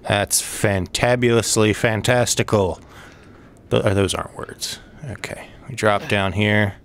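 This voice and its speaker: A man giving let's play commentary on a horror game, swearing a lot, rambling and breaking into excited outbursts. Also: fairly low pitch, unhurried, slight background noise. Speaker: gaming video host.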